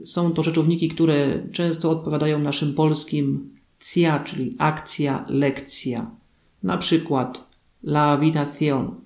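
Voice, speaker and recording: A man giving a scripted grammar lesson, explaining rules clearly and reading out examples. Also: fairly high pitch, fairly even intonation, slow pace, a little mellow. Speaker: language teacher. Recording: echoey room.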